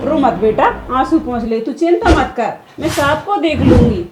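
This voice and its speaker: A woman's voice: sits high, expressive, normal speed, noisy background. A woman playing a bossy older mother-in-law in a family skit, barking orders at her daughter-in-law and doting on her own daughter. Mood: soothing. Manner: commanding, scolds her daughter-in-law, soothes her daughter. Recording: echoey room with music behind.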